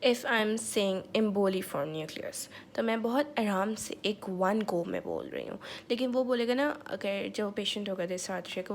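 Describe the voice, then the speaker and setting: A woman's voice: medium pitch, vocal fry, a little hiss or hum. A woman giving a casual medical lecture with a slightly sore throat, chatty and checking in often with her listeners. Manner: chatty, mixes English terms, repeats "theek hai".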